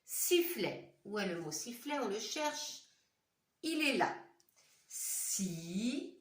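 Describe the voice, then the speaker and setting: Slow, lively woman teacher in echoey room. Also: on the high side, recorded from a distance. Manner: slow, clearly articulated, repeats words syllable by syllable; talks directly to children, asking questions. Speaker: primary school teacher. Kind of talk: home-school phonics lesson for young children. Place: classroom or home room with a whiteboard.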